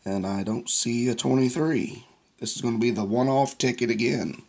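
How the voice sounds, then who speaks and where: On his own scratch-off ticket channel, a man narrates a casual vlog, hoarse and raspy from losing his voice. He talks slowly and plainly, reading numbers out one by one, in a mid-range voice with a darkish tone.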